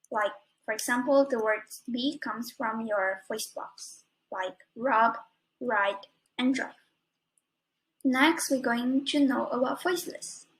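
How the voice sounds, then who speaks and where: A woman's voice: a little high, fairly bright tone, poor audio. A young woman student with an Indonesian accent, reading a prepared grammar lesson carefully, word by word. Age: young adult. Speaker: student presenter.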